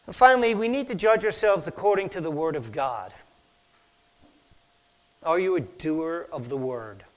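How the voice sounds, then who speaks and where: A man preaching a sermon, telling anecdotes with lively acted-out quotes and sometimes dropping to a near whisper. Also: a little high, moderate pace. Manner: animated storytelling, acts out quoted voices, drops to a near whisper for effect. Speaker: pastor.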